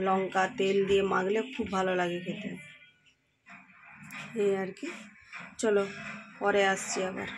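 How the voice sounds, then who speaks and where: A woman with a West Bengal Bengali accent chatting casually at home in a daily vlog, her voice slightly hoarse, often trailing off as she talks. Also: mid-range voice, noisy background. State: voice going hoarse from the heat. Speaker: housewife vlogger. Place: at home, indoors.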